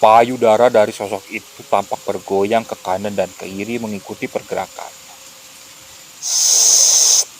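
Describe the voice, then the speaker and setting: Male horror narrator, low voice, quiet deliberate delivery, faint background hiss. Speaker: storyteller.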